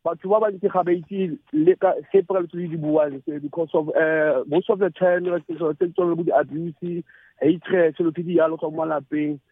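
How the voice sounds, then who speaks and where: A man with a South African Setswana accent calling a radio show by phone, earnest and halting, repeating his words. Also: fairly high pitch, steady tone, husky, no echo. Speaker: phone-in caller. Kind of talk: earnest spoken opinion, mixing languages. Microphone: telephone. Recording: narrow, tinny phone line.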